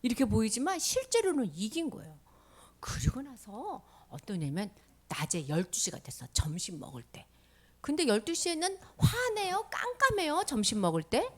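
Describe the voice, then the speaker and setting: A woman telling a Bible story to children in an animated way, often dropping to a whisper. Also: a little high, moderate pace. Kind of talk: children's sermon.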